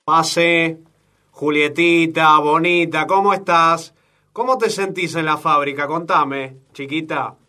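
A man's voice: fairly high pitch, slow pace, pushed and bright. A man with an Argentine Spanish accent playing a leering, sexist factory boss who talks down to a worker in a comic audio sketch. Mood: oily. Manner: patronizing, oily sweet-talk with veiled threats.

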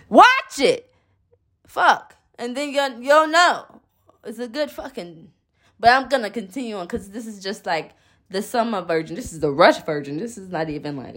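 A young woman vlogger retelling a story in a casual, animated way, full of swearing and laughing asides. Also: medium pitch.

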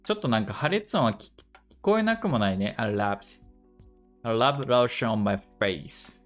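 A man hosting a casual dictation lesson. He thinks aloud and repeats English phrases slowly to check how they sound. His first language is Japanese. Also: medium pitch, very animated, faint music behind. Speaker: podcast host leading a dictation session.

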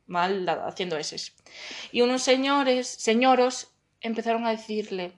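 A young woman in casual chat with friends, telling a story with lively, acted-out quotes. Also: a little high, unhurried.

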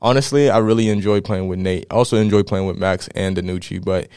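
A young man in his twenties, a football player, answering interview questions in a relaxed, animated way and often tagging "right?". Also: deep voice, fast, clear, resonant tone, dry recording, studio quality. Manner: animated storyteller, many "right?" tags.

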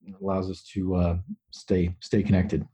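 A man's voice: low voice, completely flat delivery, normal speed, mellow, husky. A man co-hosting a podcast with dry, joking humor, his audio cutting in and out over a weak wireless video call. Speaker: podcast co-host. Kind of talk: joking casual chat. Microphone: wireless connection on a video call.

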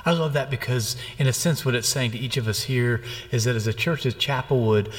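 A man of middle pitch speaks as a co-host in a thoughtful, affirming way, building on what his partner says. A long reverb hangs on his voice. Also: brisk. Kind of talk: conversational church podcast.

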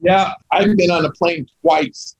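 A middle-aged or older man chatting casually as an interview guest, with a gravelly, raspy voice. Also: high-pitched, fairly even intonation, unhurried, rough recording. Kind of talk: casual chat.

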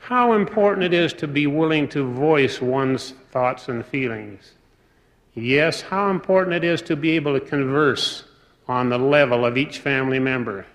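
A man giving a formal sermon in a deliberate, measured way, pausing between phrases. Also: mid-range voice, fairly bright tone. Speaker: speaker. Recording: long reverb of a large hall.

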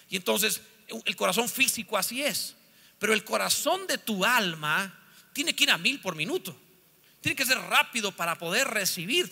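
A pastor, preaching a sermon that swings from joking asides to loud, fervent calls. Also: male voice, sits high, vocal fry. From northern Mexico. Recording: long reverb of a church hall.

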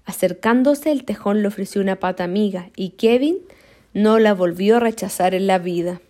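A woman reading a children's story aloud in an expressive, slow, deliberate way, sometimes stumbling and restarting a word. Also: medium pitch.

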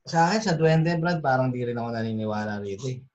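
A man hosting a casual podcast, talking in a relaxed, easygoing way to listeners and his co-host. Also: mid-range voice, fast talker, dull audio. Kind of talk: casual drinking-session chat.

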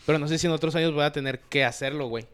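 A man's voice: on the high side, fairly even intonation, rapid-fire, fairly bright tone, clean tone. A man with a Mexican accent in casual chat, slangy and a little hesitant.

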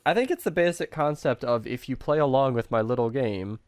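This young man hosts a casual stream chat in a lively, swinging voice that jumps high when he gets excited. He swears freely. His voice sounds dry and close to the mic. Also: brisk, no room sound. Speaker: streamer host.

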